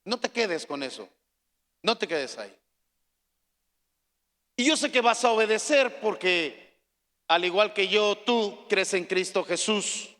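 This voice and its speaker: A pastor delivers a sermon in a high, bright voice that rings out in a large church hall with a long reverb. He swings between soft, hushed pleading and loud, shouted calls to the congregation. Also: animated, slow, long pauses. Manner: preaching with dramatic swings, from soft pleas to shouting.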